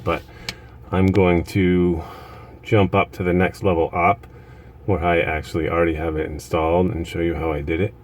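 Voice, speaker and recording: A man's voice: sits low, little pitch movement, moderate pace. A man giving a casual how-to while lying on his stomach inside a reptile rack, so his voice has a hollow, cave-like echo and rambles with fillers. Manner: rambling, with many fillers and restarts. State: lying on his stomach, reaching into a tight space. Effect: hollow cave-like echo from talking inside a reptile rack. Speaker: reptile keeper showing his setup.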